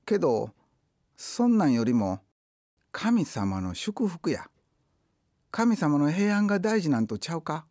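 A man's voice: fairly high pitch, very animated, measured pace, long pauses, a little mellow, dry recording, studio quality. A man with a Kansai accent preaching a sermon as a pastor, moving from formal phrasing into dialect asides.

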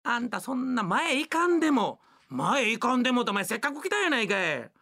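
A woman's voice: on the high side, sing-song, gravelly, exaggerated voice. A woman doing a blustering Kansai husband. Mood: excited. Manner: blunt, boisterous, quick to shout. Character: bumbling loud middle-aged Osaka husband. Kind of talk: rakugo storytelling.

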